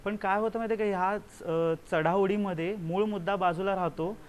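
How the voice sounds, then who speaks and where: A man, a counsellor guest, explaining in a measured way with English terms and pauses. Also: high voice, steady tone, slight background noise. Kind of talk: explanatory studio talk.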